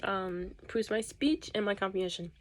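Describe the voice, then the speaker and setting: A young woman YouTuber talking casually to her camera. She talks fast and sometimes stumbles over her words. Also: medium pitch, steady tone. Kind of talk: casual vlog talk to camera. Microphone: camera set across the room.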